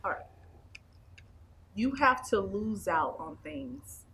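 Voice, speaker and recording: Twenties, woman, bright tone, emphatic interview guest. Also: a little high, expressive, takes it slowly, gravelly, slight background noise. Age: 20s. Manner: emphatic and preachy, repeats phrases. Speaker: interview guest, anger management specialist. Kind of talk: casual interview talk. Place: small indoor studio set.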